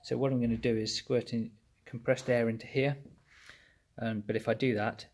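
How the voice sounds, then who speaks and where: Gravelly, husky man explaining engine work. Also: medium pitch, flat delivery, normal speed, darkish tone. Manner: plain step-by-step explaining with fillers. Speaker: engine rebuilder. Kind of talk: workshop how-to narration. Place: indoor workshop bench.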